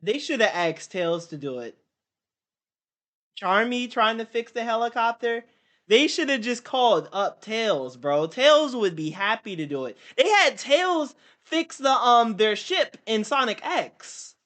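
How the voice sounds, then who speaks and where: A young adult streamer with a bright, forceful voice at middle pitch. The talk is casual, slangy and repetitive, like live reaction chat. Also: big pitch swings, measured pace.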